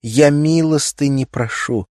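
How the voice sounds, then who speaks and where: Мужчина в роли взволнованной светской дамы, умоляющей, с повышенным голосом, сухая запись. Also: male voice, lively intonation, unhurried, no room sound, studio quality. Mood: pleading. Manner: raised pitch, emotional pleading. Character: pleading young society woman.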